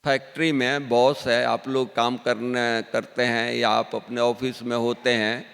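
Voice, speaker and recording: A man teaching a spiritual discourse in an unhurried, deliberate way, his voice clear and smooth with a fairly high pitch. He keeps putting questions to his listeners and comes back to each point after a pause. The sound rings with a long hall reverb. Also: flat delivery, fairly bright tone.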